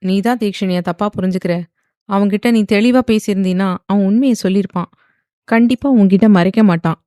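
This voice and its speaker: A woman's voice: medium pitch, fairly quick, dark tone, no echo, clean studio sound, natural voice. A woman as a scolding inner conscience. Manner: scolding, argumentative.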